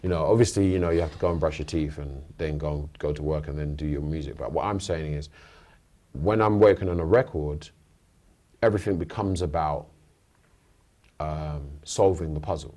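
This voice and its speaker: Deep-voiced British man in interview. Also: moderate pace, warm tone. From United Kingdom. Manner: thoughtful, rambling with restarts. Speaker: interview guest, rapper. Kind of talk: casual interview chat. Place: radio studio.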